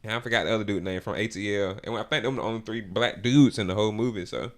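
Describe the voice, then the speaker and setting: A man's voice: on the low side, quick pace, a bit bright. A man hosting a podcast in easygoing, joking casual chat. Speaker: podcast host.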